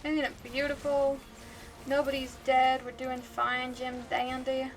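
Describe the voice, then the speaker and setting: A woman's voice: high voice, completely flat delivery, measured pace, a little hiss or hum. A woman livestreamer giving chatty, giggly gaming commentary, laughing often.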